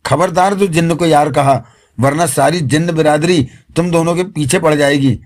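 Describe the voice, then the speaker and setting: A man's voice: fairly high pitch, normal speed, lightly acted. A man voicing a stern, pompous male jinn who orders his slaves about. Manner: stern, commanding.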